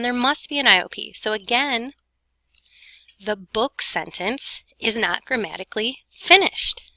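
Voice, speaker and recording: Female teacher for a recorded lesson: bright, dry sound, informal and self-correcting, audibly short of breath with heavy breathing. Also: medium pitch, dry recording. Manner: breathing heavily while talking; informal, talks students through each step, self-correcting. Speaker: Spanish teacher recording an explanation for students. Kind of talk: step-by-step grammar lesson narration.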